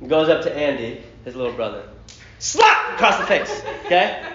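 A man preaching a sermon to a youth group, acting out a story with lively voices and slaps. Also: medium pitch, a little fast, heavy background noise. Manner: animated storyteller, acting out scenes. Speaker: pastor. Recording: roomy, dull lo-fi hall.

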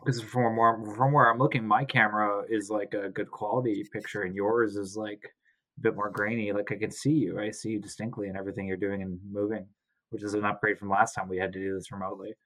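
This is a casual podcast chat from a Canadian host at home, sore throat and all, captured with a home mic over a video call. He talks quickly in a fairly low, fairly bright voice with little pitch movement, wandering off topic, fixing his own words and joking.

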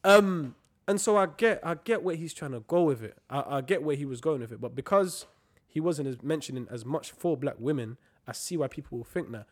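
A man's voice: on the high side, lively intonation, brisk. A young man with a London roadman street accent, chatting casually and emphatically in slang as a podcast co-host, repeating phrases for stress. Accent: London, multicultural street slang.

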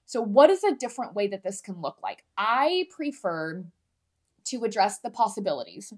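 A woman with a lisp and a mid-range, sing-song voice hosts a solo podcast as a marketing coach, speaking at a moderate pace. Her candid talk is frank, emphatic and conversational, and she swears freely.

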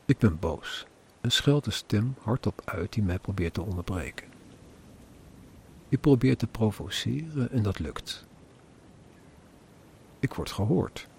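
A man's voice: lowish voice, animated, a little slow, vocal fry, pauses often, a little mellow, a little hiss or hum. A man earnestly narrating his own experiences in a personal account, with an indignant edge.

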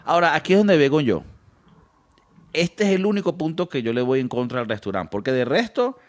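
Animated Venezuelan man telling a story. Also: on the high side, fairly quick. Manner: animated, slangy, acts out quoted voices. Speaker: podcast co-host. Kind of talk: casual storytelling chat.

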